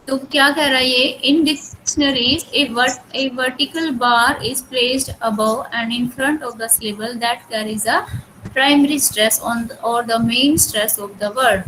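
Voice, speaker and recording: Slow high-voiced Indian woman teacher. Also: bright, forceful tone, slight background noise, poor audio. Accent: Indian English. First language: Hindi. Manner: reads English text slowly, then explains it. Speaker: college English teacher. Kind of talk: bilingual classroom lecture.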